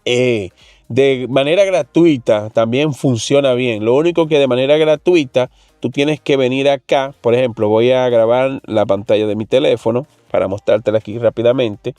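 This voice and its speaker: A man's voice: medium pitch, normal speed, darkish tone, dry recording, faint music behind. A man hosting a casual tech channel, chatting straight to viewers while demonstrating on his phone. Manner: chatty, addresses the viewer directly with frequent fillers.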